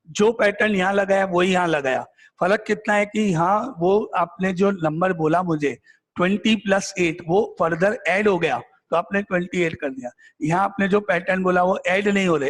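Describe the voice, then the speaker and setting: A man's voice: high-pitched, normal speed, a bit bright, in a large hall. A man teaching math to a live class, firing questions back at the students and repeating key points.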